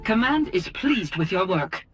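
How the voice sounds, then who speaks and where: Resolute strategy-game army officer: husky female voice, animated delivery, mission briefing. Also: mid-range voice, unhurried, soft background music. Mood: commanding, approving. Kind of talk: video game briefing acting.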